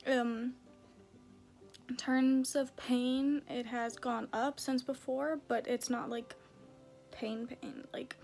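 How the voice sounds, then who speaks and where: A woman's voice: high-pitched, little pitch movement, slow, vocal fry, darkish tone, soft background music. A young adult woman giving a casual video diary update, rambling hesitantly and often saying "like". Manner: hesitant, filler-heavy rambling with frequent "like". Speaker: vlogger.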